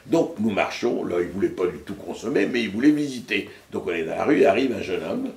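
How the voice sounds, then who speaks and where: An older man from Lebanon, a journalist guest, telling anecdotes in a lively way and acting out the people he quotes. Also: fairly low pitch, a little fast, vocal fry. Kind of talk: anecdotal storytelling interview. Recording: roomy echo.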